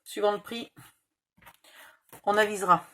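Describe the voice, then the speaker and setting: A woman's voice: medium pitch, steady tone, measured pace, background noise. A woman with a slight Provençal accent, hosting a casual crafting tutorial, thinking aloud over measurements and correcting herself. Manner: muttering measurements, self-correcting.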